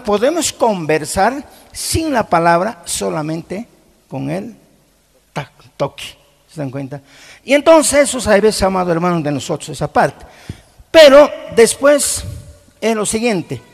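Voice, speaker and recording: A man's voice: high-pitched, big pitch swings, a little slow, creaky. A middle-aged man preaching a sermon to a congregation, emphatic and often putting questions to his listeners, mixing in Quechua words. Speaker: pastor. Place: church congregation hall. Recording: long hall reverb.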